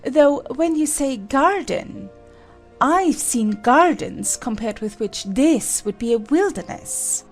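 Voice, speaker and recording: A woman's voice: sits high, expressive, slow pace, soft background music, heavily acted. A woman playing a haughty, bossy chess-piece queen in a dramatized children's audiobook, with an imperious, correcting manner. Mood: haughty, boastful.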